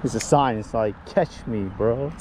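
A man vlogging a fishing trip outdoors, chatting casually and exclaiming excitedly at every fish. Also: medium pitch, measured pace, background noise. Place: outdoors by the water. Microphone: action camera.

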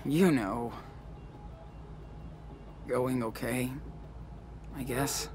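An actor voicing a quiet, awkward teenage son who answers his father in short, low-key mumbles. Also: drawn-out words, music in the background. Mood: subdued.

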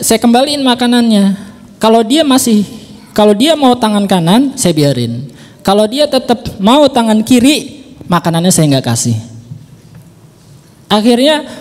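A man with a high, mellow voice gives earnest parenting advice on a radio show. He repeats each point and speaks straight to his listeners. His voice carries a long, reverberant hall echo. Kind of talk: religious parenting advice talk. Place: radio studio.

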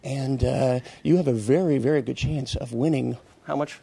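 A man hosting comic surprise award announcements indoors with a handheld mic, cheery and jokey, shouting cheers. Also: mid-range voice, fairly even intonation, moderate pace, vocal fry, slightly rough. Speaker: award show host going office to office. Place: offices, library and meeting rooms indoors. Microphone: handheld microphone.

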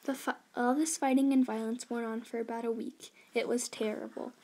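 A woman's voice: a little high, little pitch movement, brisk, noisy background, close to an everyday voice. A woman voicing a young male immigrant miner, in an earnest first-person school history narration read plainly aloud.

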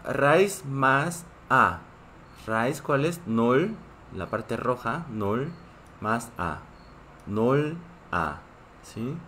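A man's voice: on the low side, fairly bright tone, a little hiss or hum. A man who is a native Korean speaker, teaching a live online class in a patient way and often checking in with his students. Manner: reads chat and greets viewers.

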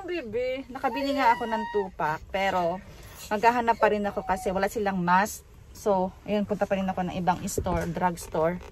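A woman's voice: medium pitch, a little hiss or hum. A woman talking through a face mask as she vlogs from shops, chatting casually and speaking straight to her viewers. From Philippines. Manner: chatty, addresses viewers directly. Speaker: vlogger. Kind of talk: casual vlog chat. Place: shops in Japan, on the go. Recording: loud music playing over the voice.

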